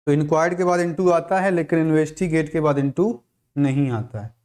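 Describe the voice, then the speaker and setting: A male teacher giving a grammar lesson for exam prep, restating each rule slowly and repeating himself. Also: on the high side, a little mellow. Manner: slow, repetitive explaining, restating each rule.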